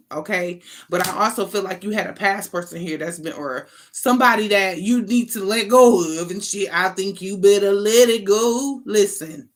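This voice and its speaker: Speaking in a mid-range, fairly bright voice over a faint hiss or hum, an American woman hosts an online tarot reading. It's informal and improvised, and her delivery is emphatic, slangy and chatty, with swearing thrown in casually.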